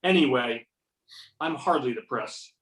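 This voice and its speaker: This performer takes on the role of a self-assured, sardonic FBI agent for an amateur readers-theater reading, pressing with sharp questions in a stern, needling tone. He speaks at a medium pitch, unhurried yet animated, with a slightly bright sound. The audio is from a conference-call or videoconference setup, echoey and picked up from afar.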